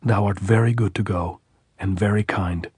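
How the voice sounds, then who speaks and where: A man voicing a wounded soldier who speaks calmly and reasonably, with quiet authority. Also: fairly low pitch, moderate pace, husky, no room sound, studio quality. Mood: tender. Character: wounded male American soldier, calm and commanding.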